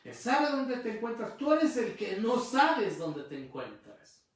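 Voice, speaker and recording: A man giving a reflective sermon, asking rhetorical questions, swinging between emphatic rises and soft drops. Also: extremely high pitch, big pitch swings, unhurried, recorded from a distance. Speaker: preacher giving a spiritual talk. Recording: very echoey room.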